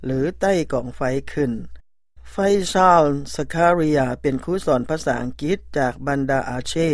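A man's voice: medium pitch, normal speed, no room sound, clean studio sound. A man with a Lao accent reading a scripted news report as its narrator.

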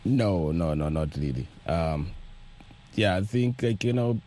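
A man from rural Malawi answers casually as a guest in a radio studio interview, hesitant and leaning heavily on filler words. His voice is low and warm, with lively intonation and an unhurried pace.

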